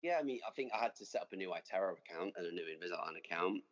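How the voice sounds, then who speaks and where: Low-voiced man, rambling. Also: lively intonation, very fast, in a large hall, muffled recording. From English Midlands. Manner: chatty, rambling with many restarts and fillers. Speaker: dentist guest. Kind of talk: casual interview.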